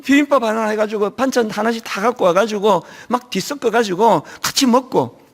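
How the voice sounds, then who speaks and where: A middle-aged man preaching a sermon as senior pastor, telling stories in an animated way with a touch of a lingering cold. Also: sits high, brisk, vocal fry. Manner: animated storytelling, acting out quoted voices. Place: church.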